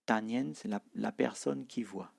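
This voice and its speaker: A man teaching a language lesson, explaining slowly with many hesitations and repeating example phrases. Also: fairly low pitch, creaky, slightly rough.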